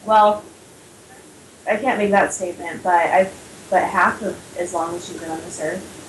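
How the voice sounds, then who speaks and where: A woman's voice: fairly low pitch, fairly even intonation, moderate pace. An American woman co-hosting a poker talk show, chatting animatedly and laughing often. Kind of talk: casual chat. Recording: echoey room, faint ambient noise.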